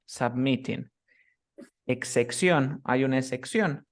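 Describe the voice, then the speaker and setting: A man giving a private language lesson at a steady mid pitch. His delivery is patient and methodical, and he breaks up each rule with quick checks for understanding. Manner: patient, keeps checking understanding with short questions. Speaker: English teacher. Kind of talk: explaining grammar rules in a one-on-one class.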